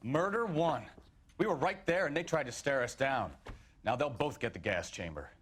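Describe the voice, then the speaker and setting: A man's voice: mid-range voice, lively intonation, moderate pace, a bit bright, close to an everyday voice. Male actor as old-time American beat cop, brash, clipped, hard-boiled game character, faint noise and clicks behind. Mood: eager, hard. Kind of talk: 1940s police drama game acting.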